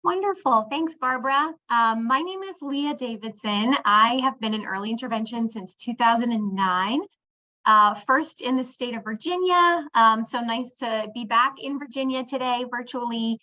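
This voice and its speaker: A woman in her forties from Pittsburgh speaks reflectively in a webinar over a video call. Her voice is bright and forceful, with fillers and restarts throughout. The audio comes across dull and lo-fi. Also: on the high side, normal speed. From Pittsburgh, United States. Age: 40s. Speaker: webinar presenter. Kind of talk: presenting a professional webinar.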